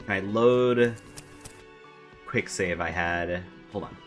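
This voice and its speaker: A man streaming a video game, talking casually in an excitable, joking, profane way. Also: low voice, slow, soft background music.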